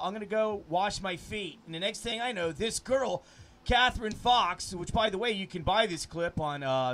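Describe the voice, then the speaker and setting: A man's voice: sits high, a bit bright, slight background noise. A man who produces adult films, chatting in an interview in a rambling, crude way and laughing often. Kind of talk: casual interview chat.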